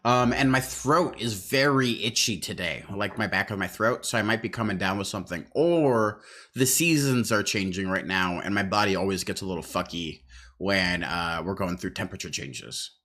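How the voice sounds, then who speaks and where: A man's voice: on the low side, moderate pace, a bit bright. A tired man in a casual chat, laid-back with short agreeing replies. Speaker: podcast co-host.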